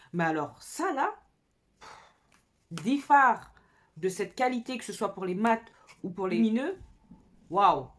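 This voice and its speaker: A woman beauty vlogger talking casually and enthusiastically to her viewers while she does her makeup. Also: mid-range voice. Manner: chatty, enthusiastic, addresses viewers directly. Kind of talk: casual makeup tutorial chat.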